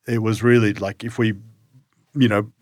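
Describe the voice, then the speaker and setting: A man's voice: lowish voice, flat delivery, moderate pace, dry recording, clean studio sound. A man with an Australian accent chats casually as an interview guest, circling his point with many loose asides. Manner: hedging and circling, many "you know" and "sort of" asides. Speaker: brewery co-founder, guest.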